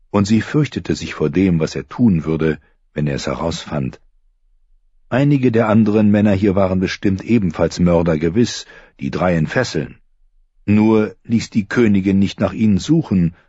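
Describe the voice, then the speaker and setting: A man narrating a novel in an expressive storytelling reading. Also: low-pitched, breathy edge, no room sound. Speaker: audiobook narrator. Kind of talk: scripted narration. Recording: slightly muffled recording.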